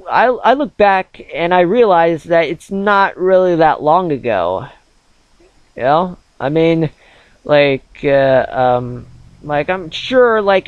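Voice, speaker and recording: Early-20s male gaming host, slightly high voice, filler-heavy rambling chat, dull dry mic. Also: no room sound. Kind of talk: casual chat over gameplay.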